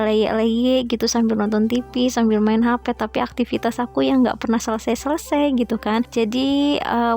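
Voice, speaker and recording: Chatty young woman, gravelly and monotone. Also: a little high. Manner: chatty, many filler tags, confiding. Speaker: homemaker vlogger. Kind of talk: casual voice-over vlog narration.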